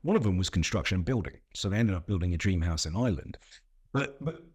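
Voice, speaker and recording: A man's voice: deep voice, animated, fast, darkish tone, husky. A middle-aged man talking as a podcast guest, reflective and telling stories in casual conversation. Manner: reflective, storytelling.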